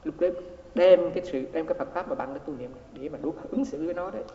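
A man's voice: on the high side, fast, warm tone. A man, a Buddhist monk, giving a dharma talk as he tells a story, repeating words and acting out the quoted exchanges. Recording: echoey hall, dull lo-fi sound.

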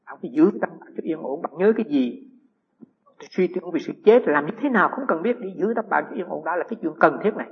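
In a dharma talk, a middle-aged Buddhist monk speaks quickly and animatedly in a husky, fairly high voice. He shares anecdotes and repeatedly asks his audience rhetorical questions. The recording is dull and lo-fi, with a long hall reverb.

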